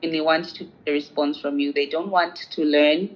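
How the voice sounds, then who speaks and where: A woman's voice: sits low, steady tone, fairly quick. A young woman from Zambia answering interview questions in an earnest, reflective way. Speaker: interviewee, feminist advocate. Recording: dull lo-fi sound.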